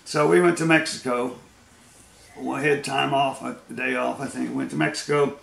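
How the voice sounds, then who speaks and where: A man's voice: mid-range voice, steady tone, normal speed, gravelly, fairly bright tone, reverberant. An American man telling rambling road stories in a casual, folksy way, often laughing as he goes. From United States. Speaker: storyteller. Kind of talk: casual storytelling.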